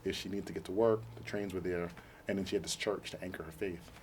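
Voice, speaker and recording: A young man answers interview questions earnestly, filling his pauses with ums. His voice is very deep and quite flat, and he talks quickly. A faint noise sits behind the studio sound. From Brooklyn, New York. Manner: fluent, frequent ums, earnest. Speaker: political candidate, interview guest.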